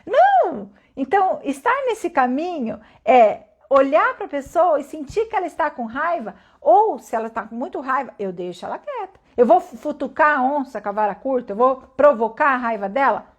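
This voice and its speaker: Brief: calm woman teacher, high voice, unhurried, asks her listeners questions as she explains. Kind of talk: reflective spoken lesson.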